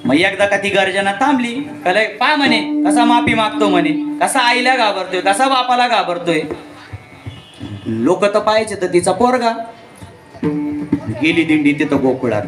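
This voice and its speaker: High-voiced male kirtan preacher, echoey hall. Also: animated, moderate pace, fairly bright tone, faint music behind. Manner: acts out characters' voices while telling stories. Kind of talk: devotional storytelling sermon.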